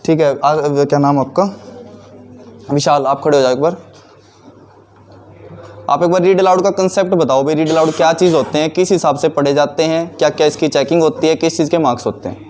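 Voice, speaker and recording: High-voiced male teacher in class. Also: brisk, pauses often, a little mellow, slight background noise. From India. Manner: explains by asking and answering his own questions.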